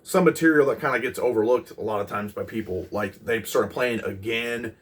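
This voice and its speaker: A man in his twenties casually recalling a concert as host of a music channel, rambling with many pauses and restarts. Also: mid-range voice, recorded from a distance. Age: 20s. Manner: rambling, lots of ums and restarts.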